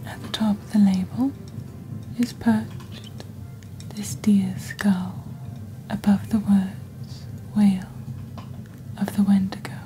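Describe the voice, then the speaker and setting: Close to a studio microphone on her desk, an ASMR host whispers in character as a calm, unsettling witch peddling cursed wares for a scripted shopping-channel roleplay. Her voice is medium-pitched and close to everyday speech, slow and deliberately hushed like a story being told, with slight background noise and a low-quality recording.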